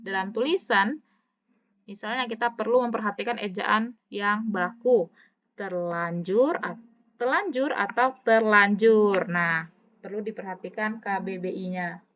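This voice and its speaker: A woman teacher giving a recorded lesson, slowing down to read example sentences aloud and adding casual, chatty asides. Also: mid-range voice, fairly bright tone. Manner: stretches words slowly when demonstrating intonation. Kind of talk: recorded online lecture. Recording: slightly dull lo-fi audio.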